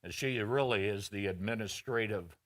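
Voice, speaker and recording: A man's voice: lowish voice, normal speed, fairly bright tone. A middle-aged man preaching a personal, story-driven sermon as a pastor in a church, acting out the voices of people he quotes. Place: church sanctuary.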